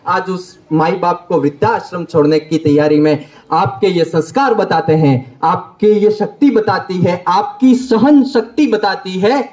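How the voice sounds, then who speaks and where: A late-teen student debater delivers a formal speech, declaiming and repeating phrases for emphasis. His voice is high-pitched and darkish in tone, unhurried, with a roomy echo around it.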